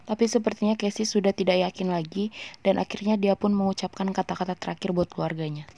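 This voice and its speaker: A woman's voice: mid-range voice, steady tone, fast, creaky, mellow. A woman narrating a film recap in a casual, chatty way, slipping in slangy joking asides.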